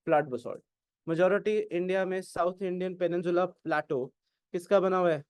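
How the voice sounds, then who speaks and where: A man with an Indian English accent teaching an exam-prep class, mixing Hindi and English and often asking whether it is clear. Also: high voice, steady tone, moderate pace, darkish tone, no echo. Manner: keeps asking "is it clear?", questions and answers his own prompts.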